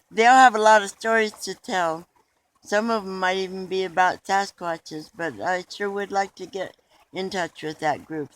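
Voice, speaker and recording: A man's voice: sits high, fairly bright tone, low-quality recording. A man being interviewed in a mock documentary, talking in an earnest, rambling way with restarts.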